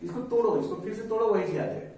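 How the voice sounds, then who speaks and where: A man's voice: high voice, fast talker, warm tone. A man teaching physics, repeating key terms and quizzing his students. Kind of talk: whiteboard lecture. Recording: echoey room, voice from far off.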